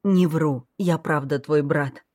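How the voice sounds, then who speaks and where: A wry, world-weary young man, read by a woman narrator in a storybook. The delivery is dry and matter-of-fact, on the lower side of her voice. It sounds close and dry. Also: fairly even intonation, slow, a little mellow, no room sound. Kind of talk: audiobook character voice.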